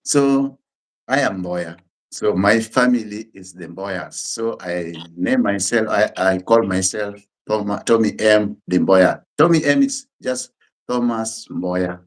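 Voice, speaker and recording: Plain, unhurried sentences with regular pauses and restarts mark this middle-aged Kenyan guest, a Luo speaker who is a musician and pastor. His voice is somewhat low, and the setting is a casual interview chat on a show.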